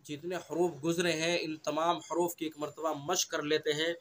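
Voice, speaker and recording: A man's voice: a little high, little pitch movement, moderate pace, fairly bright tone, a little hiss or hum. A man with a Delhi Urdu accent teaching Quran recitation, patiently repeating each letter sound several times. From India. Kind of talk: slow tajweed lesson, drilling letter sounds.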